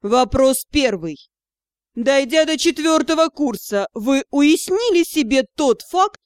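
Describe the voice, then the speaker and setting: A seething male academy magister, put on by a woman reading the story, spacing out every word in a slow, clipped hiss. His voice sits fairly high and close to the mic, with no room sound around it. He barely holds back his rage. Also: dry recording. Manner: slow, clipped, hissing through anger. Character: furious stern male academy director.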